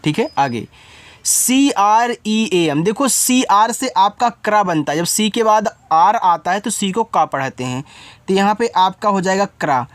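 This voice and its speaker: At normal speed, an English teacher with lively intonation and a mid-range voice spells out words one letter at a time, then explains each directly and casually to the learner. The step-by-step lesson has no room sound.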